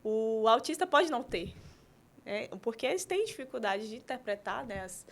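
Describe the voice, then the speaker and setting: Uma mulher convidada, pedagoga e terapeuta, explicando com exemplos numa conversa de podcast e pontuando as frases com "né?". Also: female voice, a little high, expressive, normal speed. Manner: explains with examples, frequent "né?". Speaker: guest, pedagogue and therapist.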